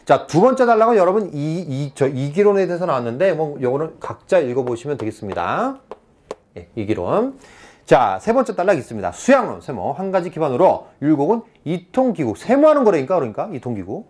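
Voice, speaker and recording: A man tutoring students for an exam, lecturing in a chatty, animated way, often checking in with "right?" and acting out little scenes. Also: fairly high pitch, a little fast. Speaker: Korean-language exam tutor.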